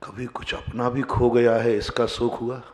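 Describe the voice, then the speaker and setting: A man preaching as a Jain monk, his voice at a middle pitch carrying a long echo through a large hall. He throws question after question at his listeners, rising to loud, emphatic peaks and then sinking to quiet, low passages. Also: flat delivery, unhurried. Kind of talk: sermon.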